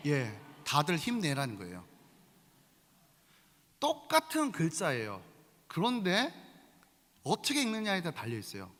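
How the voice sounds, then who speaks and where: A man in his forties preaching a sermon as pastor, conversational and animated, often calling out to the congregation. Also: on the high side, measured pace, pauses often. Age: 40s. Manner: lively, conversational preaching with frequent appeals to the congregation. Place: large church sanctuary. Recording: long reverb of a large hall.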